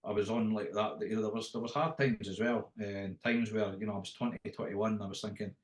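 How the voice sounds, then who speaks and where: A middle-aged man with a Dundee Scottish accent talks in a fairly low voice, in an echoey room. He reminisces casually as an interview guest, rambling and often restarting his phrases. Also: steady tone, fairly quick. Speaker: interview guest, after-dinner impressionist. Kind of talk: casual anecdotal interview talk.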